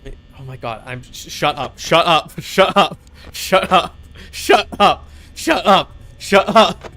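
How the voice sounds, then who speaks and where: Streaming a horror game, a livestream host chats casually but bluntly, swearing and arguing as he goes. His voice is sharp and on the high side, with lively intonation, and he takes it slowly.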